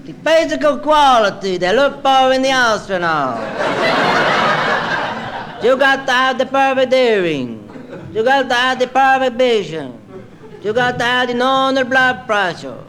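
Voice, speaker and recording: A man doing a bumbling deadpan astronaut, high voice. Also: crowd noise, heavily acted. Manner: slow, deadpan, misunderstands every question. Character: bumbling, literal-minded would-be astronaut man. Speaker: comic interviewee. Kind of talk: stand-up comedy interview sketch.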